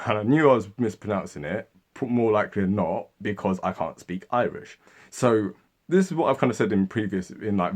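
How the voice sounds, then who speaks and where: Chatty man doing a casual video talk. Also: fairly low pitch. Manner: chatty and animated, mimics commenters and mates in exaggerated voices. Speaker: history channel host.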